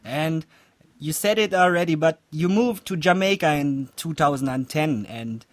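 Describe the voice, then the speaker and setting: Easygoing interviewer, dry close sound. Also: male voice, a little high, moderate pace, dry recording. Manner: easygoing, chuckles, "yeah, man" responses. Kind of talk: casual interview questions.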